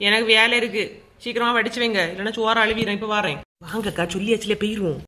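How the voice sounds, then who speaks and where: A woman with a Kanyakumari Tamil accent voicing a bossy young village wife in a cartoon story, her voice set lower than her own. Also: fairly even intonation, quick pace, bright, forceful tone. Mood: brusque.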